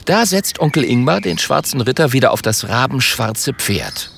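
A man narrating a children's audiobook with expressive storytelling. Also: mid-range voice, moderate pace, vocal fry, slight background noise.

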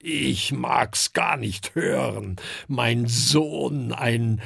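A man voicing a huge greedy male dragon who talks hoarsely and grumbles, in a children's audiobook. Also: mid-range voice, very slow, a bit bright, no echo, clean studio sound, exaggerated voice. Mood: gruff grumbling.

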